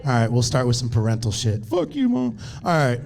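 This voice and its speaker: A man, telling profane, animated stories in a stand-up set and teasing the crowd. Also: mid-range voice, fairly quick, creaky. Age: 30s. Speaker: stand-up comedian.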